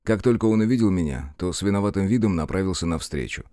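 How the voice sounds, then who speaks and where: Man, audiobook narrator, first-person story, low voice, expressive, dry close mic. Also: quick pace, no echo.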